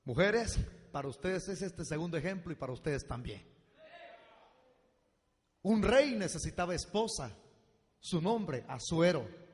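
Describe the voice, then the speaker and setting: A male pastor preaching a sermon in an animated style, swinging from low asides to loud shouts and calling his listeners brother and daughter. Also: unhurried, long pauses. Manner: addresses the congregation directly as brother and daughter. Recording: long hall reverb.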